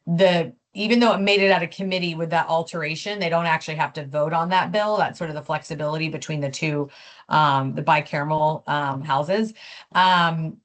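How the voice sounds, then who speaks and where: Low-voiced woman giving a policy update. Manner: conversational, many fillers and restarts. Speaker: policy speaker. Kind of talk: webinar update.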